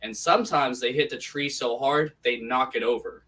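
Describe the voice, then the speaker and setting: With a fairly bright mid-range voice at a moderate pace, a man co-hosting a podcast rambles through casual conversation, often starting over. He's far from his poorly arranged home microphone, so everything comes out thin and metallic, like a tin can.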